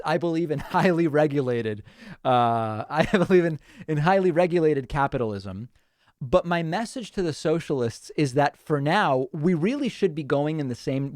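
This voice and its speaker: A fairly high-pitched male host runs a casual livestream on a close microphone with no echo. He chats and thinks aloud while reading viewer comments, restarting sentences and laughing a little.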